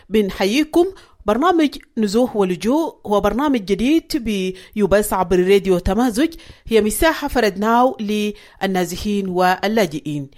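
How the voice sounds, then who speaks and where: A woman with a Sudanese Arabic accent hosting a radio program, interviewing in a conversational, probing way in a refugee camp. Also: medium pitch. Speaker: radio host. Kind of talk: field interview.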